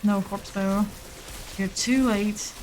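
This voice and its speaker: A woman's voice: medium pitch, steady tone, slow pace, darkish tone, low-quality recording. A woman giving casual live gameplay commentary, muttering in short clipped fragments as she thinks aloud. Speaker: game streamer.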